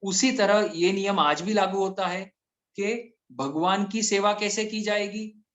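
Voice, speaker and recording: High-voiced man explaining scripture. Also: fairly even intonation, fairly bright tone. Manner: explains terms slowly, repeating key words. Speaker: Jain scripture teacher. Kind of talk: scripture discourse.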